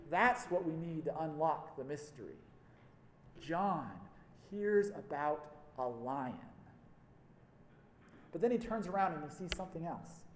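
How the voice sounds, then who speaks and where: High-voiced preacher man in echoey hall. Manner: storytelling, wry asides, varied emphasis. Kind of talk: sermon.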